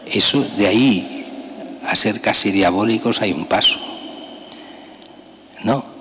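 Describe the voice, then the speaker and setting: Deep-voiced older priest in a church. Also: male voice, slow pace. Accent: Spanish. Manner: conversational, emphatic, rhetorical questions. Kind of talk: sermon. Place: large church. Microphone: gooseneck lectern mic. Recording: long church reverb, faint hiss.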